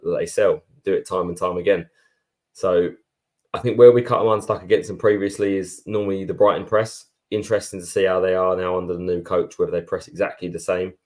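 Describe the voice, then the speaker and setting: A man co-hosts a podcast in a low-pitched voice with a darkish tone. It's a casual chat, and he talks in a chatty, blunt, matey way.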